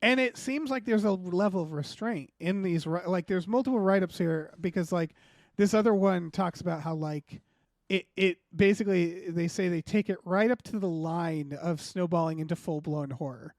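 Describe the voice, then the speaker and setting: High-voiced man chatting casually on a podcast. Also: moderate pace, darkish tone, dry recording, clean studio sound. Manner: rambling, frequent "like", profane. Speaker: podcast host. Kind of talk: casual film podcast chat.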